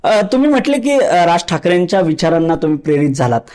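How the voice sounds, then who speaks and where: High-voiced male news interviewer. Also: sing-song, fast talker, darkish tone. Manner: probing, leading questions.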